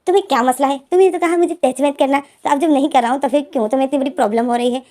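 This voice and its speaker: A woman's voice: high-pitched, racing, dark tone, lightly acted. A woman voicing a guarded young man who firmly keeps his partner at a distance. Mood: cold, firm. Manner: firm, pushing away.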